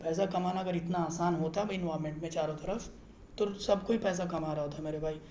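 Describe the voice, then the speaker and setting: A man hosting a channel talks through a trading app in an easygoing screen-capture explainer, often asking whether the viewer is with him. His voice is fairly high, mellow, and steady, his pace fairly quick, and the room sounds echoey with light hiss or hum.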